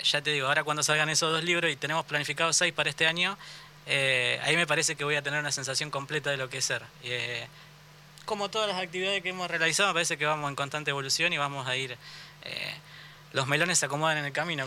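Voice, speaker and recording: A man's voice: a little high, fairly even intonation, quick pace, pushed and bright, a little hiss or hum. An Argentine man, a book editor, chatting casually as a guest in long, rambling explanations with fillers. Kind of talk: casual conversation.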